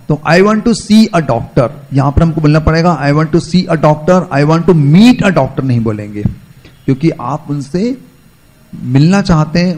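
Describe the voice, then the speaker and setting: A man teaching English in Hindi, who draws out each example sentence slowly and explains more quickly, often addressing viewers as friends. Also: on the high side, a little mellow, poor audio. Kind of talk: spoken English lesson in Hindi.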